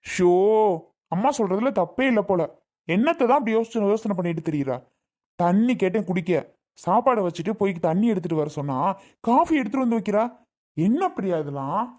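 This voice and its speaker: A woman playing a young husband and son who tries to calm his mother and grows irritated with his wife in a family skit. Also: mid-range voice, a little fast, pauses often, natural voice. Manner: placating, irritated.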